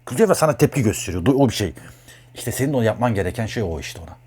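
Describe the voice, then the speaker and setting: A man with a husky voice giving a heated, blunt talk as an astrologer. His pitch swings widely and he keeps hammering the same points. The tone is loose and off-the-cuff. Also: expressive, fast, a little mellow. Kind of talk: casual monologue.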